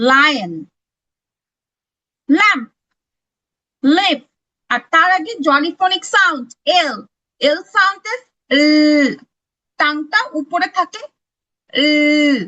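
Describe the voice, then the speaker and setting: A woman's voice: sits high, animated, slow, pauses often, pushed and bright, highs cut off. A woman with a Bangladeshi accent teaching children phonics, carefully enunciating each word and explaining in Bengali. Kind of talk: slow, deliberate phonics lesson for children.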